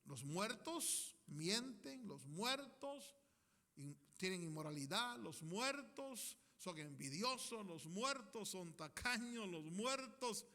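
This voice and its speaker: A man preaches a sermon in a church hall with a long, ringing reverb. His voice sits high and swings widely in pitch, with a bright, forceful edge. He talks emphatically, leading the congregation in declarations. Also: sing-song, slow pace. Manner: emphatic, leads congregation in declarations, acts out quoted people.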